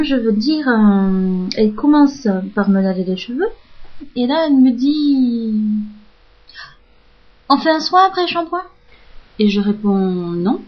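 A woman telling a casual story in a frank, profane, self-mocking monologue. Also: fairly high pitch. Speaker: audio blogger. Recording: dull lo-fi audio.

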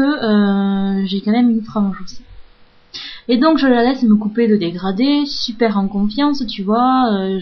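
A woman telling a casual story in a frank, profane, self-mocking monologue. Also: mid-range voice. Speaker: audio blogger. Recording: dull lo-fi audio.

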